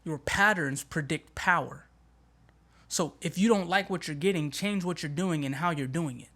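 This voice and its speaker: A man hosting a motivational podcast, talking in an energetic, emphatic way with casual slang. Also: fairly high pitch, moderate pace. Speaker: podcast host. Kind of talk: motivational talk.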